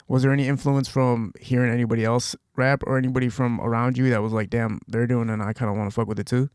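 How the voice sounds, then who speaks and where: A man's voice: mid-range voice, level tone, fast talker, darkish tone, clear, resonant tone, no room sound, studio quality. A man hosting a podcast, asking long, winding questions in a casual way. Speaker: podcast host. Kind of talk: casual interview.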